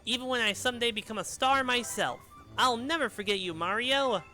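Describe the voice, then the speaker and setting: A man voicing a serene, motherly female cosmic guardian, reading her lines softly and slowly with a joking put-on edge. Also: very high-pitched, faint music behind, voice pushed up. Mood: solemn, tender.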